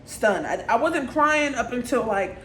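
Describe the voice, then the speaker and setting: A woman's voice: on the high side, animated, unhurried, a bit bright, slight background noise. A young woman in her twenties telling a personal story to camera in a casual, conversational way, checking in with viewers with little asides. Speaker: vlogger. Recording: roomy echo.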